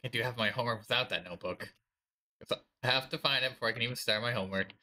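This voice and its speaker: A man's voice: mid-range voice, rapid-fire, sharp tone, a little hiss or hum, voice pushed down. A man voicing a caring, weary teenage girl who is an older sister, reading game dialogue aloud in a fond, chatty way.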